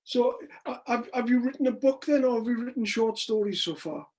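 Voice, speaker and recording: A woman interviewing authors over a video call, speaking haltingly with many restarts. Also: fairly high pitch, expressive, a little mellow. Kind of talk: casual interview.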